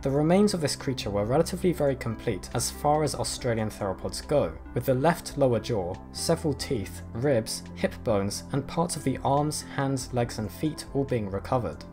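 Male nature documentary narrator, lively intonation. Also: mid-range voice, normal speed, hardly any pauses. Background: background music.

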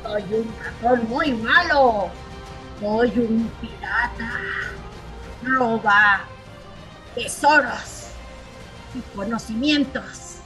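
A woman voicing a mean little male rat pirate, boasting loudly and slowly. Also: fairly high pitch, faint music behind. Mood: boastful.

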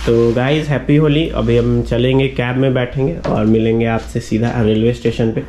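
A man's voice: medium pitch, fairly even intonation, normal speed, a little hiss or hum. A young man from Bihar narrating a casual travel vlog, chatty and speaking straight to his viewers. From Bihar, India. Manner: chatty, addresses viewers as guys. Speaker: travel vlogger. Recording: loud background music.

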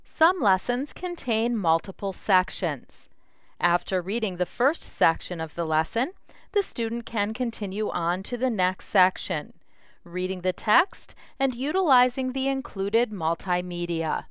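A woman's voice: medium pitch, lively intonation, a little slow, a bit bright, clean tone, no echo, clean studio sound. A woman giving scripted instructional narration as the narrator of a product demo.

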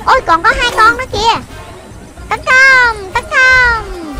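An extremely high, childlike voice gives excited, unhurried running commentary on a children's video game, over loud background music. It's full of exclamations and short phrases repeated again and again.

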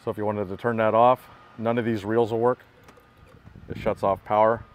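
This man's voice is on the low side, flat in delivery, at a moderate pace. Outdoors in a parking lot, he gives a plainspoken walkaround of a work truck he built, holding the phone that records it.

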